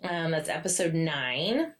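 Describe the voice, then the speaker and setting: A woman's voice: sits low, very animated, measured pace, distant mic. A young adult woman co-hosting a podcast, chatting casually about romance books and reading from a prepared list with dry, witty one-liners. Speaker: podcast co-host.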